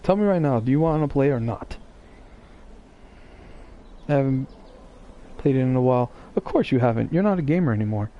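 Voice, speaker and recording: A man's voice: mid-range voice, normal speed, long pauses, muffled recording. A man streaming live, chatting casually and teasing his viewers in a rambling way.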